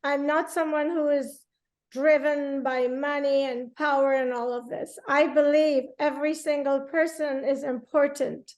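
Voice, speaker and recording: A woman's voice: sits high, fairly even intonation, unhurried, darkish tone, lo-fi sound. A woman hosting an interview, speaking earnestly in long flowing runs. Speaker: podcast host.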